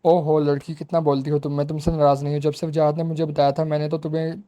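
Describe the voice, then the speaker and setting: An easygoing young man from a storybook romance, teasing and relaxed in his replies, as a male narrator voices him. The tone is mellow and a touch high. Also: quick pace, close to an everyday voice. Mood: affectionate.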